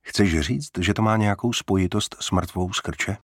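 A bold young woman sleuth with quick, sarcastic comebacks, as a man voices her in an audiobook. The voice sits raised above a deep, gravelly, husky base. It is recorded close and dry. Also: no room sound. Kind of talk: audiobook character reading.

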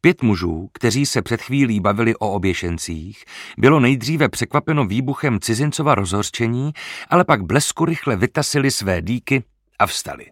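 A man narrating an adventure audiobook in a steady, dramatic reading style. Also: medium pitch, no echo, studio quality. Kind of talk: scripted narration.

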